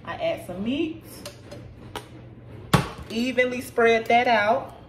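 A fairly high-voiced woman talks viewers through a home recipe in a chatty, loose way, a little tipsy. She sits back from a camera across the kitchen counter, with clear room noise underneath. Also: slow pace, far from the mic. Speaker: vlogger cooking at home. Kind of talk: casual cooking walkthrough. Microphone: camera set back at counter.

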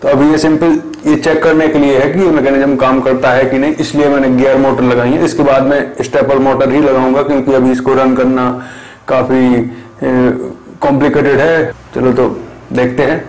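A man's voice: medium pitch, little pitch movement, normal speed, a little mellow, poor audio. A young man casually explaining a homemade machine step by step, with hesitant fillers and restarts, recorded on a camera a few metres away in a small bare room. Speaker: maker showing a build.

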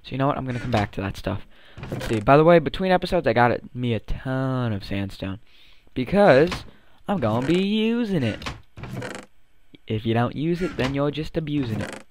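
A man's voice: mid-range voice, very animated, normal speed, a little hiss or hum. A young man hosting a gaming channel, a bit sick with voice cracks, chatting playfully and rambling through his let's-play. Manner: playful and rambling, with silly sing-song hype bits. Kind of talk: casual let's-play commentary.

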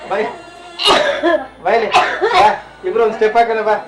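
A man's voice: high-pitched, level tone, normal speed. Coaxing man, roomy and distant. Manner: coaxing, teasing and soothing. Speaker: shelter worker comforting a resident. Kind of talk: casual chat. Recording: roomy and distant, with music over it.

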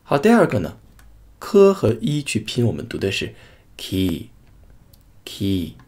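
Husky-voiced man teaching pronunciation. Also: mid-range voice, huge pitch swings, darkish tone. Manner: repeats each sound twice, slow drawn-out demonstrations. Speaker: language teacher. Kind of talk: pronunciation lesson.

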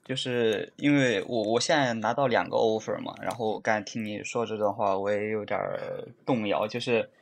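A man's voice: fairly low pitch, moderate pace, gravelly, hardly any pauses. A young man calling in for advice, hesitant and stammering, often repeating words. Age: young adult. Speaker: caller. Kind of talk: call-in chat.

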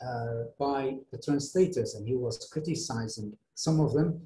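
A man's voice: medium pitch, measured pace, mellow, a little hiss or hum. A middle-aged man with Arabic as his first language, giving an academic lecture in English in a hesitant way, full of fillers and restarts. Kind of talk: academic lecture answering a question. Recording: roomy echo.

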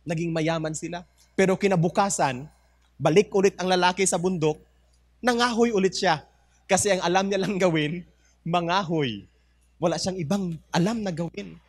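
A man with a Filipino accent, preaching a sermon as a pastor and telling an illustrative story in an animated way. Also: high-pitched, no echo. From Philippines. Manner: animated storytelling mixed with English.

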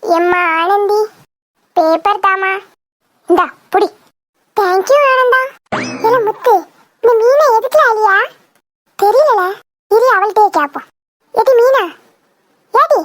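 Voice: slow, pauses often, a bit bright, a little hiss or hum, exaggerated voice. A voice actor playing a group of cheeky village schoolchildren in a cartoon, squabbling and teasing. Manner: teasing, squabbling, shrill giggling. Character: chattering village schoolkids, boys and girls, cheeky. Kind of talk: cartoon voice acting.

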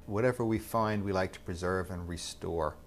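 A man's voice: low-pitched, normal speed. A man, a metal detectorist, speaking thoughtfully and conversationally in a documentary interview.

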